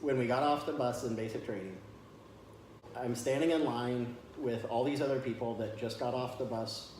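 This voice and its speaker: A military veteran being interviewed, telling stories in a chatty, good-humored way. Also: male voice, mid-range voice, darkish tone. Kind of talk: casual storytelling in an interview. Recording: very echoey room with faint noise.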